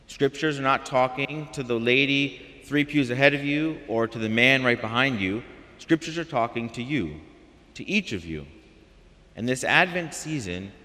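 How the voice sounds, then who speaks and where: A man's voice: mid-range voice, fairly bright tone. A man preaching in a reverberant church. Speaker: homilist. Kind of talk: sermon.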